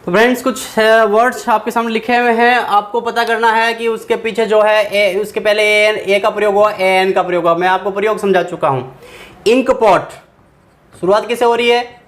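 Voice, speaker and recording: Male teacher, high voice, patient classroom explainer who answers his own questions. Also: fairly even intonation, normal speed, a bit bright. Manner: patient, asks questions and answers them himself. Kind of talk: explaining English grammar to students.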